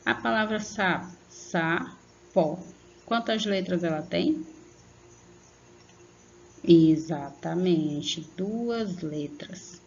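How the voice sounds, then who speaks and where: A woman teaching young children in an online lesson, patient and slow, stretching out example words and checking in often. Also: lowish voice, vocal fry, lo-fi sound, a little hiss or hum. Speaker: primary school teacher.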